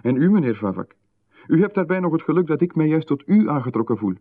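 In a 1990s radio play, a male actor voices a smooth, menacing visitor who calls himself Marchon, a patronizing official. His quick, somewhat high voice is calmly condescending before turning sharply indignant. The recording has a narrow, phone-like radio band.

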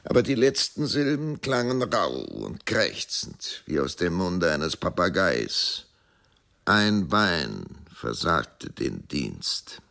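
A man narrating a radio drama in a measured, expressive storytelling manner. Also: low voice, creaky.

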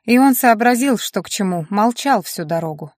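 A woman narrating a first-person audiobook in a steady, even manner. Her voice is mid-pitched and unremarkable in height. The sound is dry and close, with no room around it. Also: moderate pace, dry recording.

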